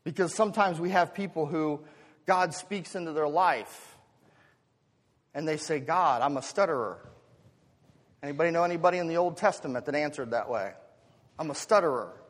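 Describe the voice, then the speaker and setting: A fairly high-pitched American man preaches in a large hall whose long reverb trails his words. He talks at normal speed with long pauses, posing rhetorical questions to the congregation as a pastor would. His delivery alternates between chatty asides and emphatic swells.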